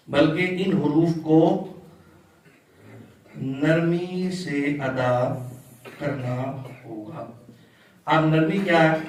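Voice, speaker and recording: A man teaching letter sounds in a patient classroom style, drawing out and chanting each sound for his students. His voice sits a little high and comes from some distance off the mic. The room rings with heavy echo around him. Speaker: Quran recitation teacher. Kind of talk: classroom tajweed lesson. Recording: echoey room, mic far off.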